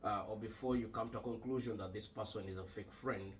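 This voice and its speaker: A man from Uganda co-hosting a casual podcast chat, measured and thoughtful with frequent hesitations. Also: on the low side, fairly even intonation, recorded from a distance. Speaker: podcast co-host.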